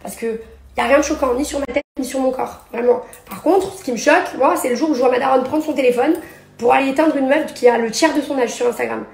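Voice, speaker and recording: A woman's voice: high-pitched, creaky, reverberant. A young woman and reality TV personality ranting sarcastically in a social media story, talking into her phone. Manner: indignant, sarcastic, rapid-fire. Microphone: phone held at arm's length.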